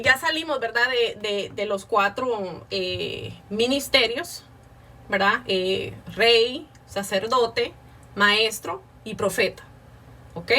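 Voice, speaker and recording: A woman leads a casual Bible lesson in a high, bright voice. She reads and explains passages earnestly, often pausing to check in with her listeners. She sounds a little distant from the microphone. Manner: earnest, frequent filler sounds and restarts, rhetorical tag questions. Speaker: Bible class teacher. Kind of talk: informal Bible lesson, reading aloud and explaining.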